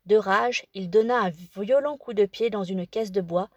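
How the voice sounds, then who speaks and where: A woman narrating an audiobook in a measured, calm storytelling manner. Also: medium pitch, dry recording, dull audio.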